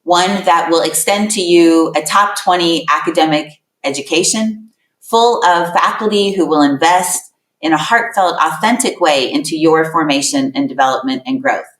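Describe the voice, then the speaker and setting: Speaking at a normal pace, a middle-aged woman whose voice sits low and sounds fairly bright hosts an admissions webinar in a room with a laptop. She gives an emphatic, welcoming address, repeating words for effect, captured by a distant mic with roomy echo.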